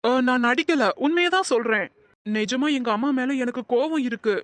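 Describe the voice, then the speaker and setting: Woman doing a young cartoon husband, fairly high voice, earnest and pleading, dry sound. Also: lively intonation, normal speed, no echo. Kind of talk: animated cartoon voice acting.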